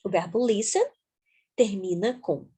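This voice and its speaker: Woman teacher, unhurried, patient, spells things out, slightly husky. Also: medium pitch, mellow. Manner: patient, spells words out letter by letter. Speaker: English teacher. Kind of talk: explaining grammar to viewers.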